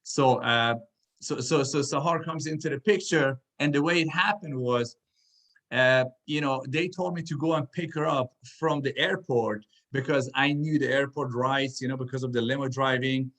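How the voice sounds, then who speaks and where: A man's voice: medium pitch, fairly even intonation, normal speed, fairly bright tone. A man born in Iran and raised in Sweden, giving a casual motivational talk full of fillers and restarts. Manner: rambling, many fillers and restarts. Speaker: speaker at a business event.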